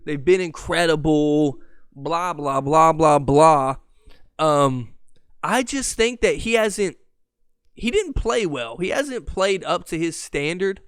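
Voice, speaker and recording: Animated, profane young man storyteller. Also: high-pitched, takes it slowly, clear, resonant tone, dry recording, clean studio sound. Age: 20s. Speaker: podcast host. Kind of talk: casual sports podcast storytelling.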